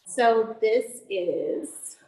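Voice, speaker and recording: A woman's voice: fairly high pitch, very slow, dark tone. A woman hosting a casual online cocktail class, chatty and upbeat, explaining each step as she mixes. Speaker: mixology instructor. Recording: echoey room with faint noise.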